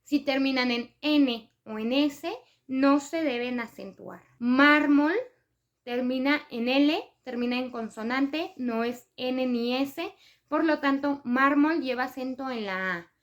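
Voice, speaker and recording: High-voiced woman teaching a spelling lesson. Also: unhurried. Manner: explains step by step with examples and frequent fillers. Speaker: writing tips presenter.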